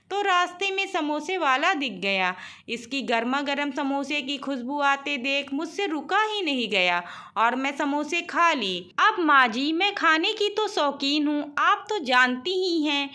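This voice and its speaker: Lady doing a greedy young wife who gushes over food, high bright voice. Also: animated, measured pace, full character voice. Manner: gushing, pleading.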